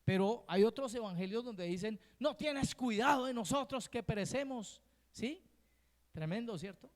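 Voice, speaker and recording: A man's voice: sits high, long reverb tail. A man preaching a sermon as pastor, often checking in with the congregation with short questions. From Colombia. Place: church hall.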